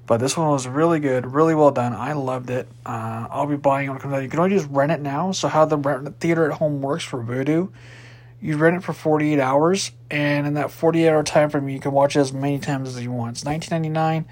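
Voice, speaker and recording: A man's voice: a little high, steady tone, fairly quick, a little mellow. A man hosting a casual solo podcast, chatty and rambling as he runs through new movie releases. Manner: chatty, rambling, with fillers and restarts. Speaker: podcast host.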